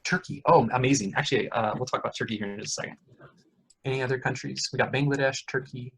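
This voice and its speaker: This fast-talking middle-aged economics professor has a gravelly, husky, slightly bright mid-range voice and fairly even intonation. He lectures casually and amiably, quizzing listeners and peppering speech with "okay" and "uh." It's a rough recording.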